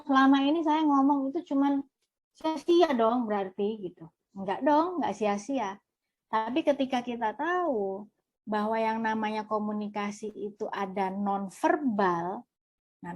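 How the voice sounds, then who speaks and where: A woman teaching a workshop, lively, asking and answering her own questions. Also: mid-range voice. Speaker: trainer. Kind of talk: online workshop lesson.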